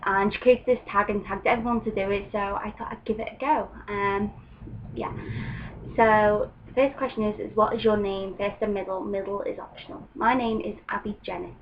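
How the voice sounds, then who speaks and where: A woman's voice: medium pitch, steady tone, moderate pace, dull audio. A young woman from England chatting casually on a home video, with frequent ums. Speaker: vlogger. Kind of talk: casual chat. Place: room at home with open window. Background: faint ambient noise through the window.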